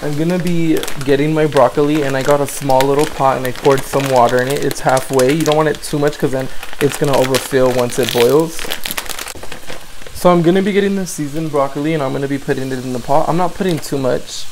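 A man's voice: medium pitch, a little fast. A man casually talking through a home cooking vlog at his stove, chatty and loose. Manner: chatty, loose, says honestly and like a lot. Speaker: cooking vlogger. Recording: steady background noise with pan sizzle.

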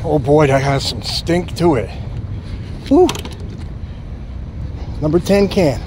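A man records himself magnet fishing at a city pond with a chest-mounted action camera, talking casually to viewers and exclaiming at every find. He speaks slowly in a fairly high, expressive voice, against loud wind and water noise.

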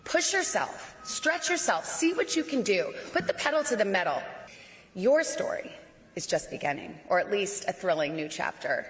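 Speaking into a podium mic under a large outdoor tent at a graduation, an Arizona woman in her forties gives a commencement address full of warm, playful, rousing oratory. Her voice sits on the low side, trailed by a long reverb.

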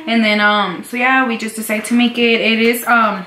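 A woman's voice: on the high side, fairly even intonation, normal speed, a loud crowd. A young woman vlogger chatting casually, laid-back and slangy, recorded at home on a camera. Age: young adult. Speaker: vlogger, channel host. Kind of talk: casual vlog chat. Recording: roomy room, faint noise.

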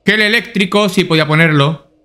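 This gaming YouTuber has a high, bright voice that comes out brisk and pushed. He does casual let's-play commentary, swearing often and thinking aloud to himself.

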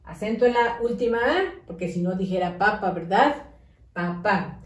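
A woman's voice: a little high, animated, darkish tone. Patient woman teaching young children. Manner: slow, patient, instructive. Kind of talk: primary school lesson for parents and children. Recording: roomy echo, voice from a distance.

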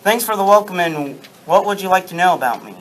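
Speaking quickly and with animation, a young man with a high, fairly bright voice recites the stiff scripted lines of a proud Confederate statesman for an amateur sock-puppet performance, sounding earnest and proud. The audio is poor with slight background noise, and the setting is a darkened room where puppeteers sit low in front of a projection screen.

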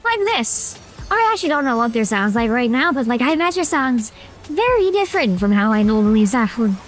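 A speaker talking through a voice changer filter that shifts the voice higher and makes it sound female, in casual, amused, rambling chat during a tabletop game. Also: very animated, brisk, faint music behind.

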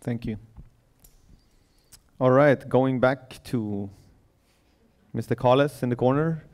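A man's voice: medium pitch, takes it slowly, a little mellow. A man in his thirties hosting a live event in a casual, playful, slangy way. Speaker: event host and moderator. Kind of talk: casual, informal stage hosting. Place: indoor event room on a small stage. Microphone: headset.

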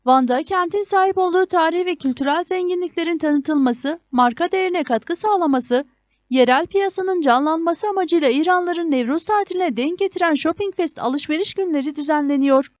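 A woman delivers scripted news narration in a strikingly high voice. The sound is dry and close, like a reporter's voice-over. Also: brisk, no echo.

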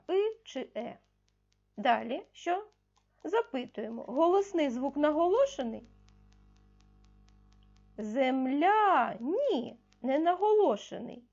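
A woman primary school teacher giving a recorded video lesson to young pupils, patiently asking questions and answering them herself, slowly stressing key words. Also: high voice, mellow, muffled recording.

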